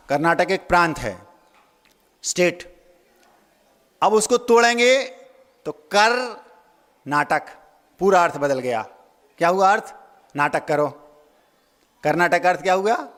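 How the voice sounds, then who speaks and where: High-voiced man preaching in a hall. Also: fairly bright tone. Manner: playful wordplay, repeats key phrases; asks the audience questions. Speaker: Jain monk giving a sermon. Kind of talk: sermon.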